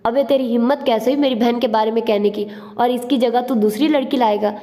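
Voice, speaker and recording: A woman's voice: a little high, fairly even intonation, brisk, dark tone, in a large hall, lightly acted. A woman reading the lines of a brash, joking young man in an audio novel, teasing and boastful. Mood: ranting.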